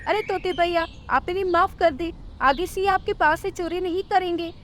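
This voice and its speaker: A woman's voice: very high voice, moderate pace, fairly bright tone, slight background noise. A woman voicing a small, honest female sparrow in a cartoon story, who speaks in a polite, pleading way.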